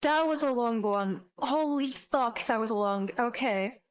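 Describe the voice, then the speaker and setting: A woman with a fairly high voice reacts as a streamer. She talks casually and bluntly, swearing freely as she comments. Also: unhurried, highs cut off.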